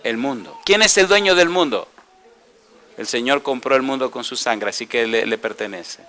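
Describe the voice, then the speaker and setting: A male pastor preaching a sermon, asking the congregation questions and answering them himself, and reading scripture slowly. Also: mid-range voice, lively intonation, pushed and bright. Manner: reads scripture slowly and deliberately.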